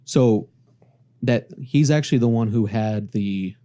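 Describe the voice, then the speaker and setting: A man hosting a casual podcast chat, relaxed and telling stories and facts to his friends. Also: medium pitch, unhurried. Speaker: podcast host.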